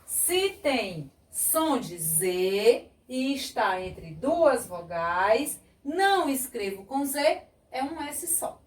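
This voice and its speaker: A Brazilian Portuguese woman teaches young children in a high, lively, sing-song voice. She speaks slowly and stretches out each word she sounds out. She is a bit away from the mic in an echoey room. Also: recorded from a distance. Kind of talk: children's lesson.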